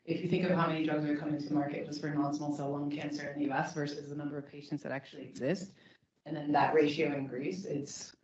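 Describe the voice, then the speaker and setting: Guy commenting on a panel, monotone, far from mic and echoey. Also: on the high side, fast. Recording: echoey, distant, dull room recording.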